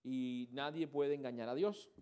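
A man interpreting a sermon live, animated and quick, often repeating words as he finds the phrasing. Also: medium pitch, clean tone.

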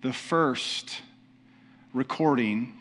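A man's voice: mid-range voice, very slow, fairly bright tone. Man preaching in a conversational way. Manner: conversational, with frequent restarts and rhetorical questions. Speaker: pastor. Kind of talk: sermon.

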